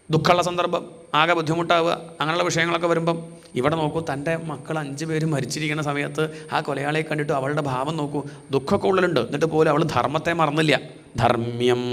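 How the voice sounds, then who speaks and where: A man giving a devotional scripture discourse, chanting verses slowly and asking rhetorical questions. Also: a little high, fairly even intonation, fairly bright tone. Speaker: religious discourse speaker. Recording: long hall reverb.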